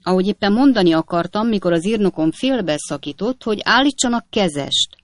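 A woman voicing a pompous, irritable male magistrate who talks loud and sharp in a storybook reading. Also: medium pitch, expressive, close to an everyday voice. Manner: loud, sharp and self-important.

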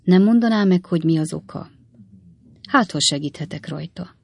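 A woman's voice: fairly low pitch, gravelly. A woman voicing an anxious middle-aged spinster aunt who pleads and exclaims. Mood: pleading.

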